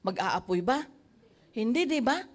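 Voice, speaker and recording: Female pastor, Filipino accent, lively sermon storytelling, high voice, acts out the voices. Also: unhurried. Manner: lively, laughs often, mixes languages, acts out the voices of the story's speakers. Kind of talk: sermon retelling a Bible story.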